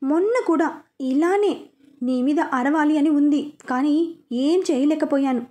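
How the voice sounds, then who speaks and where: A woman's voice: high voice, unhurried, dark tone. Woman reading as a hurt young wife. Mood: emotional. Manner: pleading, reproachful. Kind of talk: audio story reading.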